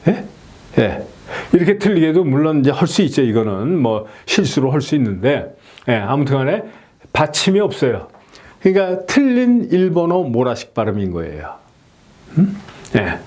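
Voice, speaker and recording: A middle-aged man explaining English pronunciation in a lesson, often checking in with a quick rhetorical "yes?". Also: a little high. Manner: animated, frequent rhetorical "예?" checks.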